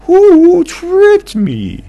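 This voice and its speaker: A man squeaking as a timid little owl. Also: huge pitch swings, very slow, dark tone, full character voice. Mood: startled. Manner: high fluttery squeak, drawn out. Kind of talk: bedtime story voice.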